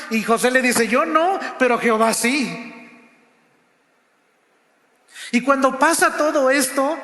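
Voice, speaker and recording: Preacher in an echoing hall. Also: male voice. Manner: dramatic, acts out quotes, drops to hushed low voice. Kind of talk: sermon. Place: church sanctuary. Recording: roomy hall with long reverb.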